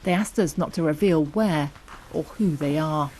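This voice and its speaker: A woman's voice: low-pitched, normal speed, a little mellow, a little hiss or hum, rough recording. A woman narrating a scripted news report as a correspondent.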